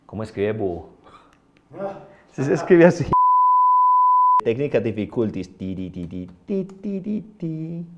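A man giving a casual video English lesson, upbeat and repeating words slowly for learners. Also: medium pitch, big pitch swings, dull audio, very noisy. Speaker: English teacher.

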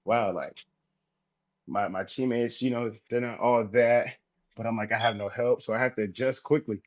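A man, a professional basketball player, talking casually as an interview guest, relaxed and rambling with many fillers. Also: mid-range voice, brisk, dull audio. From United States.

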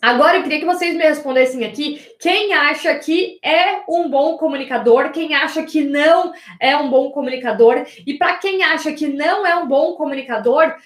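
A Brazilian woman mentor giving an energetic online class, talking straight to her viewers and asking them rhetorical questions. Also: high voice, moderate pace, hardly any pauses, reverberant. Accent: Brazilian Portuguese. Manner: energetic, addresses audience as "gente", asks rhetorical questions. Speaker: business and communication mentor.

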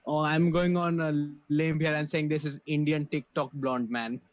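A man's voice: a little high, level tone, moderate pace, no room sound. A man co-hosting a podcast with laid-back, teasing, slangy banter. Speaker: podcast co-host.

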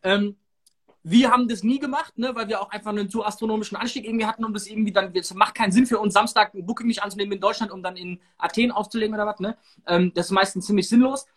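A man co-hosting a casual livestream podcast, speaking in a quick, slangy, easygoing way. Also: sits high, steady tone, fairly bright tone. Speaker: podcast co-host.

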